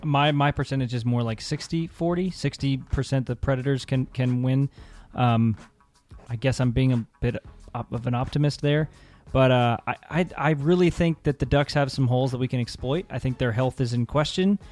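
A man's voice: medium pitch, normal speed, a little mellow. Man, sports podcast co-host, hesitant, hedging, faint music underneath. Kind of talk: casual sports chat.

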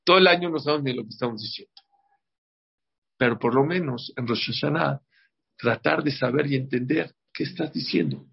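A man's voice: mid-range voice, a little fast, creaky, breathy edge. A man teaching a religious class to a group, emphatic and often checking in with "ok?". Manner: emphatic, checks in with "ok?", repeats words. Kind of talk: religious class before a holiday. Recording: dull lo-fi recording.

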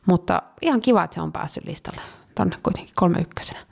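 A woman from Finland co-hosting a podcast, chatting casually and lively, slipping in English phrases. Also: lowish voice, gravelly, husky. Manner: lively, mixes English phrases, laughs often. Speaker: podcast co-host. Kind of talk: casual chat.

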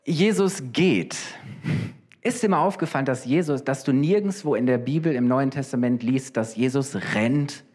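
Male preacher, casual sermon, lively, questioning the audience. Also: medium pitch, a little fast, hardly any pauses.

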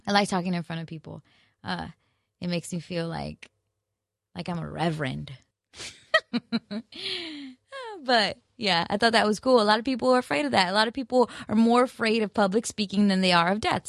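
A woman's voice: mid-range voice, creaky, no room sound, studio quality. A woman hosting her own podcast, chatting casually in a rambling, musing way and correcting herself as she goes. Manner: relaxed and unhurried. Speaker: podcast host. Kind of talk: casual solo podcast chat.

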